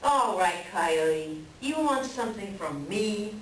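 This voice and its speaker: Woman playing a scolding raven, slow and swooping. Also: mid-range voice, lively intonation. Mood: wary bargaining. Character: scolding, crafty, teasing cawing Raven. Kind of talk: readers theater animal folktale performance. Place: library readers theater performance. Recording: roomy, distant mic, faint background hiss.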